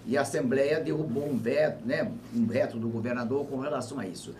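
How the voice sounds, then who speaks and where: A man in his seventies, a former governor, talks through politics in an interview, reflective and measured with emphatic bursts. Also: mid-range voice, darkish tone. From Brazil. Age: 70s. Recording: distant mic with faint ambient noise.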